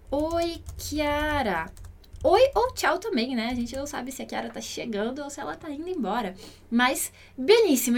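Lively high-voiced woman teaching. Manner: didactic, repeats words slowly to model pronunciation. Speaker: Italian teacher. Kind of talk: online language lesson.

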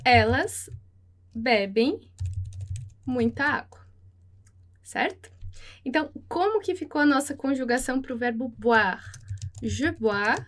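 Slow, patient Brazilian woman teaching. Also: high-pitched, lively intonation. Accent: Brazilian Portuguese. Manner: repeats each French phrase, then translates it. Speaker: French teacher. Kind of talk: slow, patient language lesson with repetition.

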